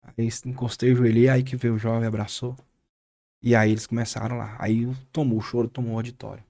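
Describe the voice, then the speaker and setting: A man, a pastor with a Brazilian accent, earnestly retelling a moving experience as a podcast guest, with halting restarts. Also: medium pitch, flat delivery, creaky, warm tone. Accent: Brazilian Portuguese. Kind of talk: podcast interview storytelling.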